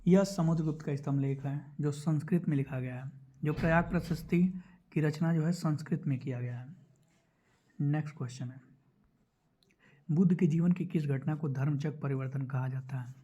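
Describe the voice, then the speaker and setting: A man teaches an exam prep lesson, working through quiz questions step by step, repeating key points and checking in with his listeners. His voice is a little high, warm and steady, at normal speed, with the highs cut off in the recording.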